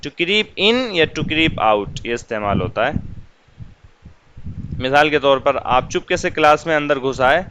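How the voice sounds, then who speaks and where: A man teaching English vocabulary in Urdu, repeating each meaning and saying the example sentences slowly and carefully. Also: on the high side, expressive, pushed and bright, a little hiss or hum, poor audio. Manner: slow, deliberate reading of English examples, repeating glosses. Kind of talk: vocabulary lesson explaining English words in Urdu.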